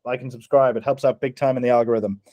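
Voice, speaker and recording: An Irish man co-hosting a podcast, telling animated stories, acting out quotes and swearing freely. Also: medium pitch, fast, no room sound, dull audio. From Ireland. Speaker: podcast co-host. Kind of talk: casual storytelling chat.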